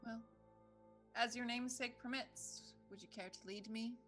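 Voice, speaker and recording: Woman playing an earnest, defiant traveler, bright-voiced. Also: a little high, steady tone, normal speed, faint music behind, lightly acted. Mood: wary. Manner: formal, emphatic phrasing. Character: earnest, defiant living traveler pleading with death.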